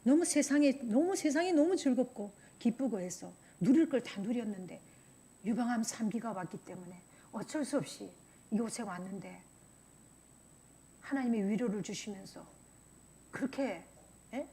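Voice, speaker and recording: A woman's voice: on the high side, moderate pace. A woman pastor preaching a sermon, telling stories and acting out the voices of people she quotes. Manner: animated storytelling, acts out voices in quotes. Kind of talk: sermon with storytelling.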